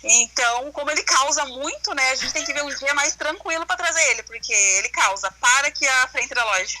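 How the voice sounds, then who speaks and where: A woman's voice comes through over the phone, pitched high and very sharp in tone. She is a shop owner in casual chat with a caller. She talks freely and keeps adding small tag questions. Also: a little fast, poor audio. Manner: chatty, with frequent tag questions. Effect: heard over the phone.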